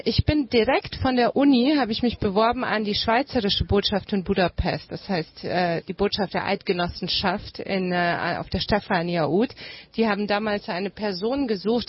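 A woman in her thirties, from Germany, answering questions as an interview guest in a lively, chatty way. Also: mid-range voice, moderate pace, slightly rough, highs cut off. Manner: lively, chatty, laughs easily. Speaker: guest, former graduate.

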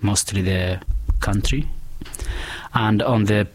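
A man, a guest in a casual interview, telling his story in an unhurried, reflective way. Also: fairly low pitch, slight background noise. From Kenya.

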